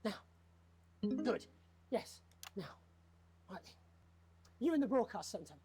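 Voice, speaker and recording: An actor playing a bitter, unhinged TV news anchor in a video game, with a British accent and a commanding, theatrical, sardonic manner. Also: male voice, high voice, very animated, slow pace, warm tone, soft background music, exaggerated voice. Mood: menacing command. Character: unhinged, bitter male TV news anchor holding studio hostage. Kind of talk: dramatic live-broadcast acting.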